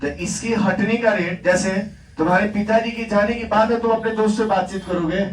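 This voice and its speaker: A man's voice: high-pitched, steady tone, brisk. A man teaching a chemistry class in Hindi, asking the students questions and answering them himself, repeating key words for emphasis. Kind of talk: classroom lecture. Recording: echoey classroom, distant mic, background noise.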